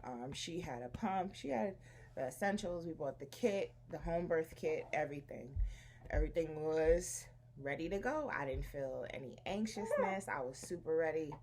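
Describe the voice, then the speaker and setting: Woman vlogger at home, low-pitched, chatty with lots of restarts, bouncing a baby as she talks. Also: lively intonation, normal speed, a little mellow, a little hiss or hum. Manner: chatty and rambling, with frequent restarts. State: bouncing a baby while talking. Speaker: vlogger sharing her birth story. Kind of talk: casual chat to camera.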